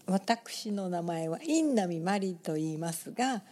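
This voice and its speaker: A woman from Japan with a Tokyo accent, a Japanese teacher, answering as a radio guest in a calm, measured way. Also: fairly low pitch. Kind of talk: radio interview.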